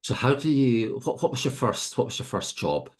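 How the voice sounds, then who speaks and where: A man's voice: mid-range voice, big pitch swings, normal speed, breathy edge. A middle-aged man hosting an interview podcast, chatty and jokey, poking fun at himself. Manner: chatty, jokey, self-mocking. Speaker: podcast host. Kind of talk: casual interview.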